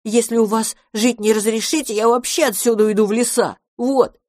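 A woman's voice: a little high, fairly even intonation, normal speed, dark tone, dry recording, pitched above the performer's own voice, lightly acted. A woman voicing a gloomy, stubborn little male house sprite who has run away from home and keeps close to tears. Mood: sulky. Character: sulky little male mouse-foe house sprite, runaway boy.

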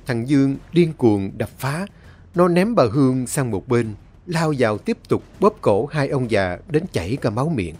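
A male storyteller narrating a horror story in a dramatic, expressive reading. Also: medium pitch. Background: faint music.

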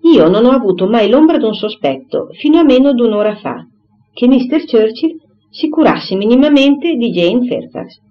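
A reader voicing a composed, clever young gentlewoman who speaks in a measured, earnest way in an audiobook. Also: medium pitch, very animated, pitched above the performer's own voice, natural voice. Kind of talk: audiobook character reading. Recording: slightly dull recording, faint hiss.

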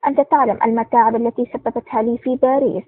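A woman's voice: fairly high pitch, fairly even intonation, very fast, husky, no echo. A woman voicing a stern, terse male intelligence officer in an audiobook, with a curt, dry delivery. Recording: tinny phone-like sound.

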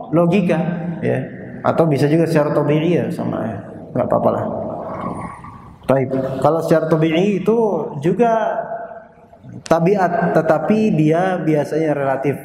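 A man with a fairly high voice teaches a religious class to a group and keeps asking them whether they follow. His voice echoes through a large hall with a long reverb. A faint background noise is heard under him. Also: a little mellow. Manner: asks the class constant rhetorical questions. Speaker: Islamic teacher. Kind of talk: classroom lecture.

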